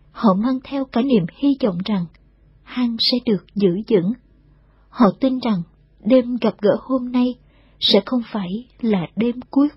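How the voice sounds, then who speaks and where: Breathy woman narrating a story. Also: fairly high pitch, no room sound. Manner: steady, unhurried storytelling, voices every character. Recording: dull, dry lo-fi recording.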